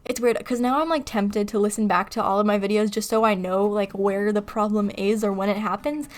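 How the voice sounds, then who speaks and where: A woman's voice: medium pitch, steady tone, brisk. A woman from California, chatting casually in a voice-over, rambling and laughing at herself as she talks. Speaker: video creator. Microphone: desktop mic on computer recording software.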